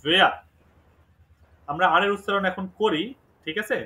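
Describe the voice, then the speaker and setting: Bright-voiced man teaching a language class. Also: high-pitched. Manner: explains slowly, repeats words for learners. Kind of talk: online class lesson.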